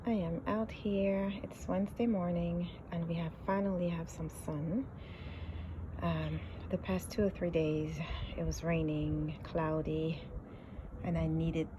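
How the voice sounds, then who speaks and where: A woman's voice: fairly low pitch, level tone, a little slow, background noise. A woman teaching Quran classes and chatting through a casual vlog, a little congested, laughing easily and sometimes dropping to a near whisper.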